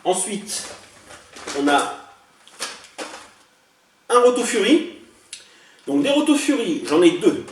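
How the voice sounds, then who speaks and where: A man with a fairly high voice chats casually and a little hesitantly, stopping often to correct himself. He sounds a bit far from the mic in an echoey room. Faint background noise and clicks from handled toys sit behind him. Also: sing-song, takes it slowly, long pauses. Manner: chatty, hesitant, many fillers and self-corrections. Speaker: toy collector showing a haul. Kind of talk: casual unboxing vlog.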